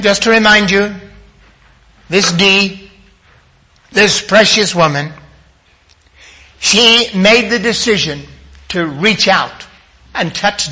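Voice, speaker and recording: An older man preaching a sermon, dramatic, dropping to a hush and then rising to emphatic appeals. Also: high-pitched. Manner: dramatic, swinging from hushed to emphatic.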